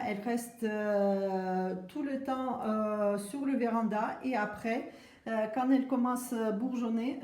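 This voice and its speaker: A woman who is not a native French speaker gives a casual tour of her houseplants on her home veranda, pausing often with fillers. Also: fairly high pitch, mellow. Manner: hesitant, many filler pauses. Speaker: plant vlogger. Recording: roomy echo.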